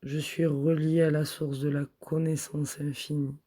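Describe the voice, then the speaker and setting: A man guiding a chakra meditation, speaking soft, repetitive affirmations in the first person. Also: a little high, flat delivery, measured pace, breathy edge. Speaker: meditation guide.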